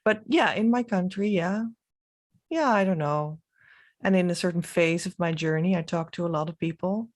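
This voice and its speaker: In a fairly low-pitched voice, this spiritual vlogger, a native Dutch speaker from the Netherlands with a Dutch accent, muses reflectively without a script, her sentences stalling and trailing away.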